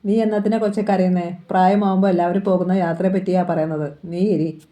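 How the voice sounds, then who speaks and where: A woman reading the lines of a gruff, blunt older father in a novel, in a rough, commanding way. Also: on the low side, fairly even intonation, brisk, mellow, lightly acted. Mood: stern.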